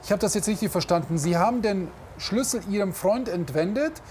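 A firm male police officer in a television drama, putting questions briskly. His voice is high, and there is clear noise around it. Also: expressive, a little mellow. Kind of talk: scripted reality police drama acting. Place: greenhouse garden centre. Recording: noisy location sound.

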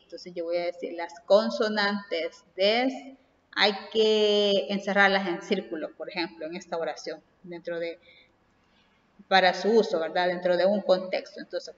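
A woman teacher giving a grammar lesson, speaking slowly and deliberately and often asking rhetorical questions. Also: mid-range voice. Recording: roomy, long reverb, dull lo-fi sound.

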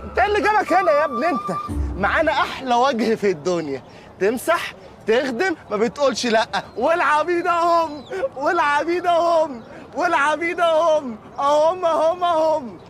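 An actor with an Egyptian accent playing a hawking slave auctioneer in a comedy series, calling out in a sing-song market-barker manner. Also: male voice, very high voice, lively intonation, brisk, fairly bright tone, soft background music. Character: loud ancient slave auctioneer man, hawking.

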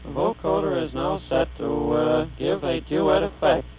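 A demonstrator and announcer formally presents a technical demonstration in a measured way. His voice is fairly high with vocal fry, heard on a tinny old recording with hum.

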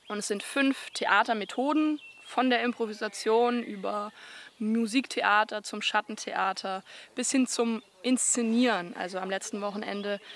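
A woman in her forties, a workshop facilitator, calmly explaining a theatre program in an interview outdoors. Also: mid-range voice, a little hiss or hum. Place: outdoors under a tree.

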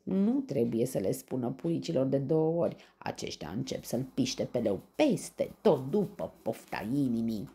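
A woman from Romania reading a children's bedtime story in an expressive, lively way. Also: a bass voice, creaky, hardly any pauses.

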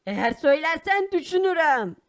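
A woman voicing a bold, hot-tempered poor young boy hero in a cartoon, bossy and quick to scold. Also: sits high, big pitch swings, crowd noise. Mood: indignant. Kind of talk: animated cartoon voice acting.

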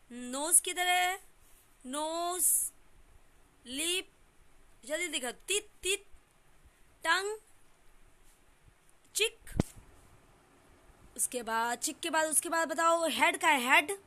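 A woman with a high, bright voice gently quizzes a small child for a home vlog. She speaks slowly and coaxingly, prompting each word in a sing-song way and praising every answer. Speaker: family vlogger. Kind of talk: teaching a toddler on camera.

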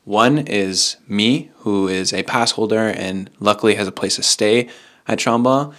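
A man's voice: on the low side, unhurried, fairly bright tone. Joking young man vlogging on a ski trip. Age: 20s. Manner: joking, upbeat, swears casually. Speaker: vlogger and host. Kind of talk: casual vlog narration to camera. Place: ski hill outdoors and indoor lodge rooms. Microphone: handheld action camera at arm's length.

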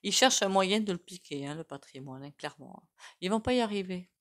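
A woman with a low voice and a regional French accent reads tarot cards in a relaxed, spoken way. She muses aloud and drifts from thought to thought as if chatting with her viewers. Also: brisk. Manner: musing aloud, loose and conversational. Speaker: tarot reader and psychic. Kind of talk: casual spoken tarot reading.

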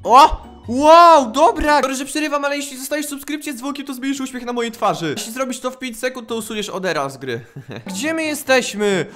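A man giving excitable, playful gameplay commentary as a gaming YouTuber, often shouting out. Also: very high-pitched, fast talker, soft background music.

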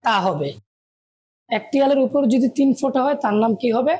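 A woman's voice: high voice, animated, normal speed, dark tone, a little hiss or hum. A woman teaching Arabic letters, patiently calling out each one and asking and answering her own questions. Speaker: Quran reading teacher.

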